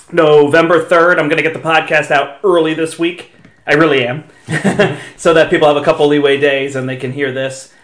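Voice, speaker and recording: A man's voice: a little high, a bit bright, reverberant. A man hosting a podcast in a casual, chatty style. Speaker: podcast host. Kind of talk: casual gaming podcast chat.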